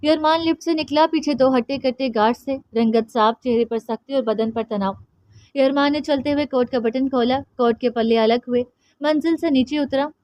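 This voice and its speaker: High-voiced woman narrating a novel. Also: moderate pace, a little mellow, dry recording. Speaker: audiobook narrator. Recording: dry, slightly dull audio.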